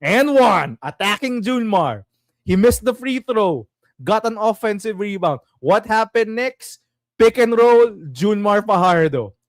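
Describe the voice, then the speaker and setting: Filipino accent, young man, high voice, switches between English and Tagalog, laughs a lot. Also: unhurried, dry recording, clean studio sound. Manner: animated, switches languages mid-sentence, laughs often. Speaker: basketball podcast host. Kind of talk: casual sports analysis chat, mixing English and Tagalog.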